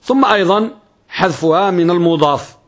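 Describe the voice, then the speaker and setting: A man's voice: sits high, normal speed. A man giving a grammar lecture as a religious teacher, asking rhetorical questions and repeating key phrases. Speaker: Islamic scholar teaching Arabic grammar. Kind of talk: classroom lecture.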